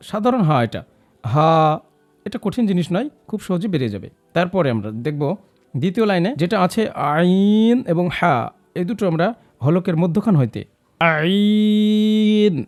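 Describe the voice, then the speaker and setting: A man leads a recitation lesson in a patient, encouraging way, pausing to model each letter sound for the learner to repeat. His voice sits a touch high for a man and has a mellow, soft tone. The recording is dry and close, with no room sound. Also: no echo. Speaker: Quran recitation teacher.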